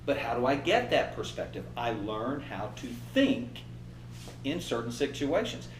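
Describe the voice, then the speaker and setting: Brief: lively man in his fifties, trainer leading a workshop, echoey room, mic a bit distant. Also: mid-range voice, measured pace, slight background noise. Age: 50s. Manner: animated, acts out inner voices and laughs. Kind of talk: motivational workshop talk.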